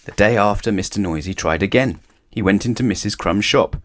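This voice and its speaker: Reading a kids' story out loud, this man keeps it expressive and brisk, his voice sitting fairly low.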